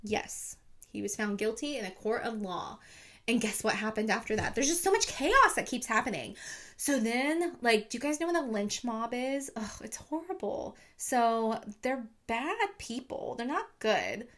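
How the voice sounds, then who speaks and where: A woman's voice: on the high side, lively intonation, a little slow, fairly bright tone. A young woman casually retelling a true crime story to her viewers on camera, chatty and full of fillers. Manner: chatty, lots of "like", talks to viewers.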